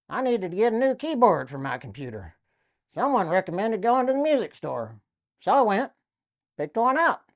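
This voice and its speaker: A woman comedian telling silly jokes and short stories, jumping into acted quotes. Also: fairly high pitch. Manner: lively storytelling with acted quotes.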